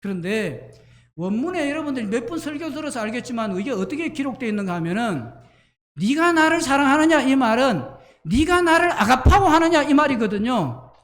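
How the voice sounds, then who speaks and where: A man preaches in a notably high voice. He speaks animatedly and with emphasis, now and then pushing up to a shout. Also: very animated, a little fast. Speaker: pastor. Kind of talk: sermon.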